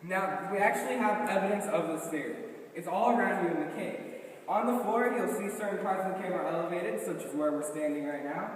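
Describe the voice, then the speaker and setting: A man with a fairly high voice leads an informal cave tour. His patter is dry and joking. The cave wraps his words in strong echo and a long reverberant tail, picked up some way from the mic. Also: fairly quick, recorded from a distance, a little hiss or hum. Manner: joking, dryly humorous patter. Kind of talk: informal guided tour talk. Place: inside an underground limestone cave.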